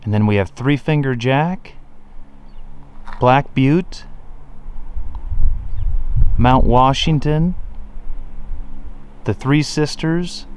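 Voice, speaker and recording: Brief: man, mid-pitched, easygoing outdoor tour guide, pointing things out. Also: very slow, pauses often, clean tone. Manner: relaxed, enthusiastic, pointing out landmarks. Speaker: real estate video tour narrator. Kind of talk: casual property tour narration. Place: outdoors on a rural lot and riverside.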